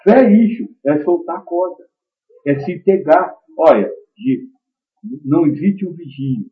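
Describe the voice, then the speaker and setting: A man giving a spiritist teaching talk, emphatic and swinging between loud stresses and quiet asides. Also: a little high, expressive, a little slow. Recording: dull lo-fi recording.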